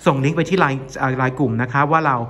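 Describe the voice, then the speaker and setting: A man's voice: medium pitch, steady tone, fast talker, fairly bright tone. A man teaching English with a Thai accent, encouraging his students and switching between English and Thai in a casual classroom manner.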